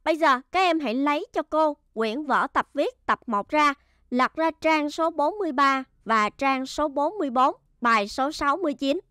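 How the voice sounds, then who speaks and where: A woman teacher giving a first-grade reading lesson, spelling out syllables slowly and clearly. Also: high-pitched, expressive, pushed and bright, dry recording, studio quality. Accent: Vietnamese.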